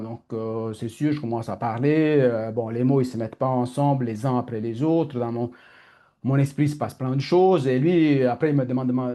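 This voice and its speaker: A man with an Italian accent tells a personal story to his students, quick and rambling, often correcting himself mid-sentence. His voice is mellow and warm, set in a middle register. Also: medium pitch. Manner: fast, rambling, self-correcting. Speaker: personal growth teacher. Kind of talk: candid storytelling talk.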